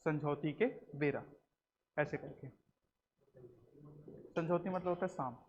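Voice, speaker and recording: In a roomy classroom recording that sounds dull and a bit noisy, a man with a somewhat high voice lectures at a measured pace. He quizzes his students and repeats their answers back.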